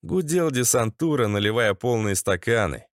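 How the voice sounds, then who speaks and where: A man's voice: mid-range voice, lively intonation, moderate pace, dry recording, clean studio sound. A man narrating a gritty first-person audiobook in a tense, sardonic manner.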